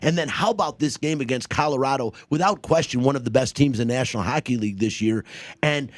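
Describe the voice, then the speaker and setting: A man hosting a sports radio show, talking with energetic emphasis into a studio microphone. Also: mid-range voice, fast talker.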